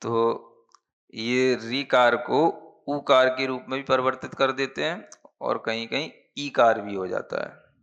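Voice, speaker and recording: A man leads a grammar lesson at an unhurried pace, his voice grainy with fry. He explains patiently and keeps checking that his listeners follow. The recording sounds muffled and lo-fi. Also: mid-range voice, fairly bright tone. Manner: slow, patient, checks understanding with "है ना?". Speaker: Jain monk teaching Prakrit.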